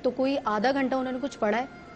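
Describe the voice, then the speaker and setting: A woman's voice: high-pitched, steady tone, brisk, slight background noise. A woman from Pakistan, a talk-show guest, telling a vivid personal story and acting out what others said.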